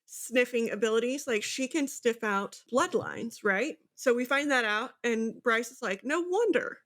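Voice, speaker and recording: Thinking out loud in a relaxed book chat, this podcast co-host keeps pausing to ask if you're with her. She speaks a little slowly in a fairly high, somewhat bright and expressive voice.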